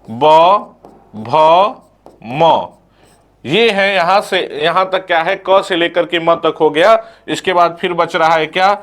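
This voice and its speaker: A man's voice: a little high, a bit bright. A young man teaching an exam coaching lecture, who asks questions and answers them himself and recites letters one by one.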